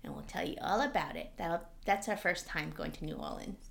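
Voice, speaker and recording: A woman co-hosting a podcast in casual chat, talking in an animated way with lots of fillers. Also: fairly low pitch, fairly quick, gravelly, reverberant. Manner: chatty, animated, frequent "like" fillers. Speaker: podcast co-host.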